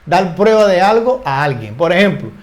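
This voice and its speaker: High-voiced older man teaching casually. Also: very animated, normal speed. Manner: ends phrases with tag questions, repeats words while searching. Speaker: English teacher. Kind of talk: casual spoken grammar lesson.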